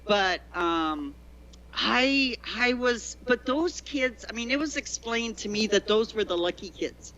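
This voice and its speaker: A woman's voice: a little high, animated, a little slow, fairly bright tone, highs cut off. A woman guest telling long, digressive stories about teaching, chatting casually in an interview. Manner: chatty, digressive storyteller with many restarts. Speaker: guest, former teacher in China. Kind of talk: conversational interview.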